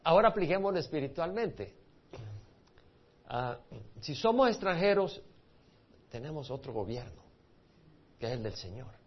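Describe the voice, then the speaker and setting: Here a pastor from El Salvador, carrying a Salvadoran Spanish accent, runs a Bible study like a conversation, asking his listeners questions and restarting words as he goes. The voice is a little high, sing-song and slightly rough, at a moderate pace broken by long pauses. It's captured on a dull, lo-fi recording.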